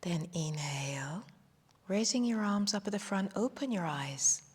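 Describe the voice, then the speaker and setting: A woman leading a guided meditation and qigong session, speaking slowly and soothingly and drifting into soft whispers. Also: medium pitch, lively intonation, breathy edge. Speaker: qigong instructor. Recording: long hall reverb.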